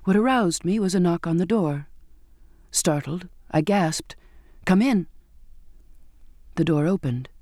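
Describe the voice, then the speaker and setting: A man narrating a first-person story in a measured, expressive reading. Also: fairly high pitch, no room sound, studio quality. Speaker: audiobook narrator.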